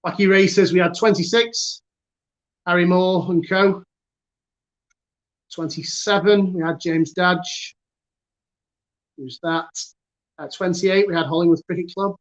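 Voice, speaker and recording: Chatty Northern English quiz host, lo-fi. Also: male voice, sits high, fairly even intonation. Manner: chatty, self-mocking, halting with fillers. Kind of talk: casual quiz hosting.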